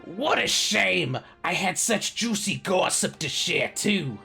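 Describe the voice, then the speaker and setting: A man voicing a sixty-something chain-smoking, gossipy town eccentric woman with a croaky old-lady voice. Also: high voice, expressive, slow pace, bright, forceful tone, faint music behind, pitched above the performer's own voice, heavily acted. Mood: cryptic. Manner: cryptic, gossipy.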